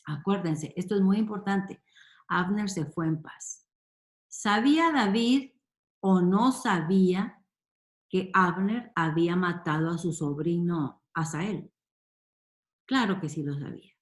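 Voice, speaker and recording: Woman, Bible teacher. Unhurried, emphatic, asks her listeners questions. Echoey room. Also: fairly low pitch. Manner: reads verses then explains them with emphatic questions.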